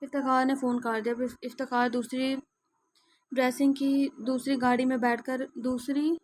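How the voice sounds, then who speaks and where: A woman reading a romance novel aloud as narrator, steady with frequent restarts. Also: sits high.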